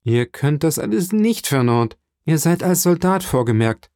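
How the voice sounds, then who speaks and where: Guy doing a proud young fisher girl, voice pushed up higher, earnest and firm, dry close sound. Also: animated, unhurried, a little mellow, no echo. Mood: earnest, pleading. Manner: raised pitch, earnest pleading tone. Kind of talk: audiobook reading.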